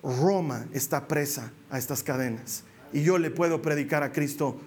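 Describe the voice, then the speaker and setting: A preacher playing the apostle Paul as a joyful, defiant prisoner speaking boldly in the first person during a sermon. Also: male voice, fairly high pitch, moderate pace, voice pushed down, close to an everyday voice. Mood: confident. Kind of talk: sermon role-play.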